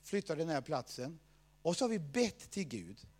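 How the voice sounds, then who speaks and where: A man preaching a sermon, telling a personal story, swinging between loud outbursts and low asides. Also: sing-song.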